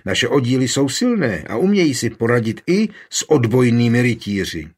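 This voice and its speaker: A man's voice: mid-range voice, sing-song, husky. A man reading a scornful, dismissive town mayor. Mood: sneering. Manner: sneering.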